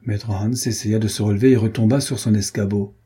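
Brief: male audiobook narrator, measured delivery, dark mellow voice with heavy breathiness. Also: lowish voice, slightly rough. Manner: measured, even storytelling.

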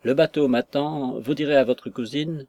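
A man voicing a sad, pleading young gentleman suitor in a read-aloud story. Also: medium pitch, fairly even intonation, moderate pace, no room sound, natural voice.

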